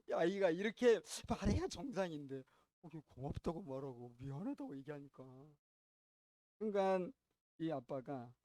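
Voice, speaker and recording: A man preaching a sermon as pastor, telling a story with sharp swings between loud and quiet and asking the congregation questions. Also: fairly high pitch, no echo, studio quality.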